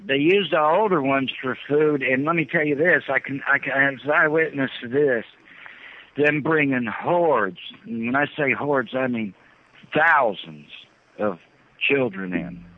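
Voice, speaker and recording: A man calling in to an interview over a phone line, talking in a halting, earnest way and often repeating himself. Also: medium pitch. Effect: phone line, heard over the phone. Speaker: phone-in guest. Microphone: telephone, satellite phone. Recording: tinny narrow-band phone line.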